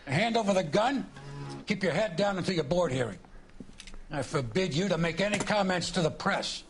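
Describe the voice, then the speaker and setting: An actor playing a stern middle-aged police captain who scolds and commands a detective in a game cutscene. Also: male voice, sits high, animated, normal speed, soft background music. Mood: stern scolding. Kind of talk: video game cutscene acting.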